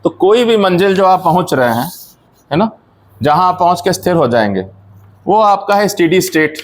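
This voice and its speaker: A male lecturer with a somewhat high-pitched voice teaches a classroom full of students. He explains each idea step by step, turns to the class with questions and slips English technical terms into his talk. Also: animated, normal speed. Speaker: engineering lecturer.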